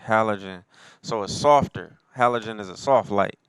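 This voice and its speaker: Man, rapper-producer, laid-back slangy talk, very smooth lowish voice, dry close sound. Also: normal speed, fairly bright tone, no room sound. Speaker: rapper and producer talking about his album. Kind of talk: casual solo talk.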